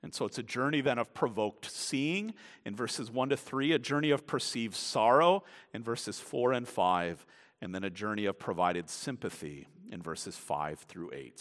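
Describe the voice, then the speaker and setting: Lively-voiced male preacher in a reverberant hall. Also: fairly low pitch, measured pace. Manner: dramatic preaching, swinging from hushed to loud. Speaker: pastor. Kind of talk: sermon. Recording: long reverb from a large room.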